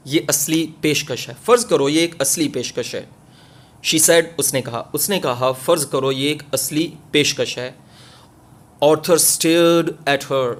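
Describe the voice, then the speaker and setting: A man teaching English, reading each phrase slowly and giving several translations for it, one after another. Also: a little high. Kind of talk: line-by-line reading and translation lesson.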